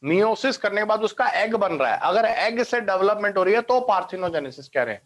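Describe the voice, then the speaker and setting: A biology teacher gives an online class in a high, expressive voice at a brisk pace, explaining step by step. He mixes in English science terms and frequently checks that his students are following along.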